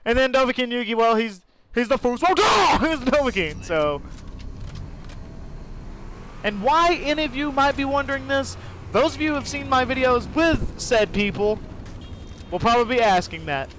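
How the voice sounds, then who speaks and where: High-voiced rambling male game streamer. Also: moderate pace, long pauses, fairly bright tone, a little hiss or hum. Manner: rambling, swears and laughs while playing. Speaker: gaming streamer. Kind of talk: casual live-stream commentary. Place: home room during a thunderstorm.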